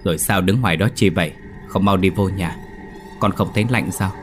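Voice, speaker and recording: A man's voice: sits low, a little fast, music in the background, close to an everyday voice. A man voicing a hot-tempered, grieving older father in a ghost story. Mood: gruff. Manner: angry, scolding. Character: hot-tempered old father, grief-stricken.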